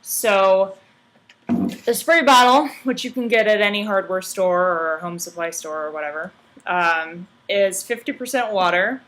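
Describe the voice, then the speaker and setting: A woman giving a casual how-to vlog in a hungover, sluggish, halting way, with dry tongue-in-cheek delivery. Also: mid-range voice, a bit bright, low-quality recording. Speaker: vlogger giving garment care tips. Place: indoors.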